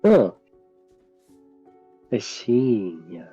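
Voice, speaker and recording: A woman playing a tabletop game, chatting excitedly with the group. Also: extremely low pitch, very slow, breathy edge, highs cut off, soft background music. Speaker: player. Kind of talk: casual tabletop game chat.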